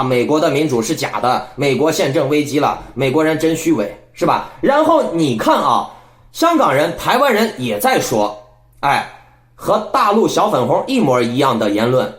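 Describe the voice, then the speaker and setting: Animated, lecturing male commentary host. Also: a little high. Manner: rhetorical, keeps asking listeners "right?"; lecturing, scolding tone. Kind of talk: opinionated political commentary. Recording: echoey room.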